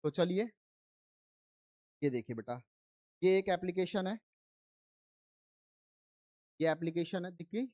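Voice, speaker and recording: A man's voice: high voice, expressive, takes it slowly, long pauses, a little mellow, no echo. A man teaching an online physics lesson, explaining step by step and often checking that his students are following. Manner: switches between Hindi and English terms. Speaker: science teacher.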